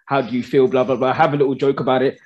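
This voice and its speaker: A man's voice: medium pitch, steady tone, racing, dull audio. A man, an upbeat and chatty host giving thanks at the close of a live panel. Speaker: podcast host. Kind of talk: closing remarks at a live panel. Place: community studio with live audience.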